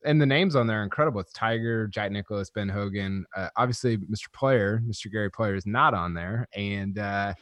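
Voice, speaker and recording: A man with a lowish voice telling a chatty, amused story as a golf writer on a podcast. His delivery is close and dry. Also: brisk, hardly any pauses, a bit bright, no echo. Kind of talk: casual chat.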